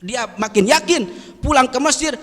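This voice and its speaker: A male preacher telling a story in a sermon, animated and vivid, often addressing his listeners directly, in a prayer room with a long hall reverb. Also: very high-pitched, moderate pace.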